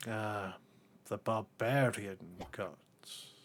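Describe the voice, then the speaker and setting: A man playing a haughty, dismissive deity with a formal, measured, condescending way of speaking. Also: fairly low pitch. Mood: disdainful.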